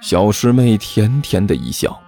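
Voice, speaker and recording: A man narrating a serialized comic martial-arts story in an expressive, lively manner. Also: on the low side, measured pace, soft background music.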